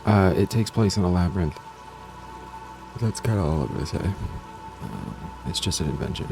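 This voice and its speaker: Over music, a creaky, low-sitting male voice introduces the speaker's own audio story to viewers of his audiobook channel, which he created and hosts. He's animated at a moderate pace, yet rambles in an offhand way, repeating things and letting sentences trail off.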